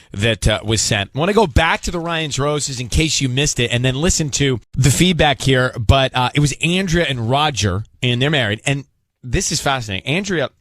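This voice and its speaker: A male radio host running a call-in segment, pressing a caller with calm, firm questions. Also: on the high side, no room sound.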